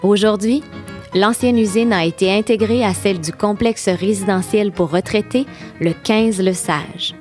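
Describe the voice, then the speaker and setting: A woman's voice: medium pitch, measured pace, a little mellow, faint music behind. Playful Québécois woman narrating a tour. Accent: Québécois French. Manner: playful, enthusiastic, teasing asides to listeners. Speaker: podcast host and tour guide. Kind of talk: scripted narration of a history walking tour.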